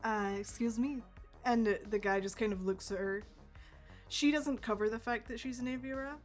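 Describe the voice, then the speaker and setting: A woman's voice: on the high side, steady tone, moderate pace. Casual woman game master narrating a tabletop game, faint music behind. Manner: casual and easygoing, with many fillers.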